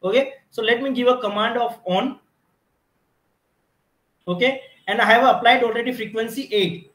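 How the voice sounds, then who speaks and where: This male instructor has a very high-pitched, slightly bright voice and speaks at a moderate pace. He teaches a technical lab demonstration in an automation lab with equipment, explaining each step, frequently starting over, and saying "you can see" again and again. The recording carries room echo.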